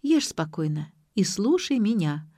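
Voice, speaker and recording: A woman voicing a bossy, quick-tempered young woman who gives emphatic orders, in an audiobook. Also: medium pitch, sing-song, warm tone, no room sound, studio quality. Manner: emphatic, commanding.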